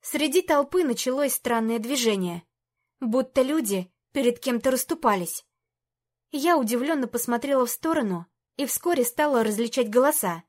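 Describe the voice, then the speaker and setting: A woman's voice: fairly high pitch, expressive, moderate pace. Woman reading a fantasy tale. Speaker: narrator. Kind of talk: first-person fantasy audiobook reading.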